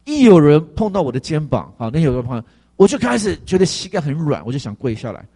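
A male pastor giving a conversational testimony sermon, animated and full of fillers. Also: fairly high pitch, quick pace.

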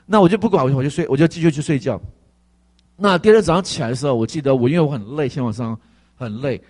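A male pastor giving a conversational testimony sermon, animated and full of fillers. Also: a little high, racing.

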